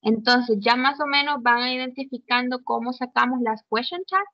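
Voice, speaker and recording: A woman with a slightly high voice at normal speed teaches English grammar over the internet, explaining in Spanish alongside English examples. She frequently checks in, and the dull, muffled audio carries no room sound.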